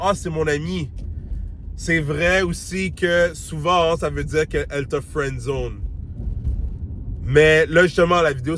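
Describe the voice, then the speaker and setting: A man's voice: fairly high pitch, fairly bright tone, a little hiss or hum. A man with a Québécois French accent giving dating advice in a casual, slangy monologue, dropping English words and acting out the lines he quotes.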